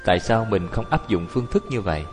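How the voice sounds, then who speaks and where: A man's voice: fairly low pitch, animated, quick pace. A man giving a Buddhist dharma talk as a lay teacher, telling stories and acting out the people he quotes. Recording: long hall reverb with faint music.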